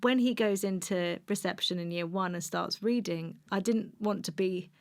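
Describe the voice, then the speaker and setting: A woman's voice: medium pitch, normal speed. A woman hosting a parenting show, chatting casually and sharing her own experience as a mother in informal, self-correcting phrases. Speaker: podcast host and mother. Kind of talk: casual conversational interviewing with personal anecdotes.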